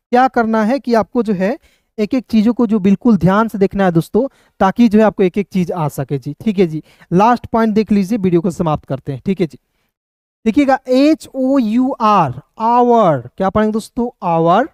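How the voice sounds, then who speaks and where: A man's voice: high-pitched, a little mellow, no room sound, studio quality. A man giving a recorded video lesson as a reading teacher, spelling words out letter by letter and patiently repeating filler phrases. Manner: patient and repetitive, often adding filler phrases. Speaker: English teacher.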